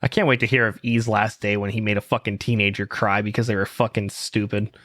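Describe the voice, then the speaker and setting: A man's voice: fairly low pitch, fairly even intonation, fairly quick, a bit bright, dry recording. A man hosting a podcast in casual chat, rambling with lots of fillers and swearing. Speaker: podcast host.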